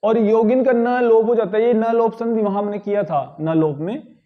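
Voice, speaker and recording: A man teaching a grammar lesson, repeating words slowly to correct their pronunciation and often checking in with his listeners. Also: sits high, phone-quality sound. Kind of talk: spoken lesson.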